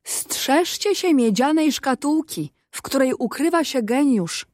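A woman's voice: high-pitched, lively intonation, unhurried, darkish tone, no room sound, studio quality, voice pushed up. A woman voicing a poor, distrustful fisherman in a storybook reading, in a reproachful, lecturing manner. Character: poor clever male fisherman, stern and distrustful.

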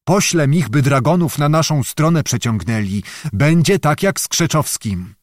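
A man's voice: a little high, lively intonation, moderate pace, no echo, clean studio sound, lightly acted. A man voicing a proud, scheming Cossack leader who speaks firmly and persuasively in an audiobook.

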